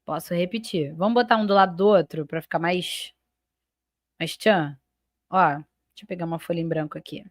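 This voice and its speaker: A woman's voice: on the low side, fairly quick, dry recording, clean studio sound. A Brazilian woman teaching grammar in a live online class. She explains step by step, checks in often with her students, and stretches out key terms as she names the parts of each sentence. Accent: Brazilian Portuguese. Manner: stretches and stresses key words while labeling sentence parts.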